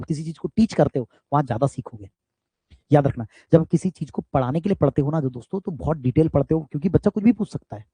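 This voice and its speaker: A loud, emphatic Indian man teaching physics online pauses for a motivational word to his students. He speaks right to them, often asking tag questions to confirm they follow. His voice sits on the high side with a breathy edge, and there's no room sound.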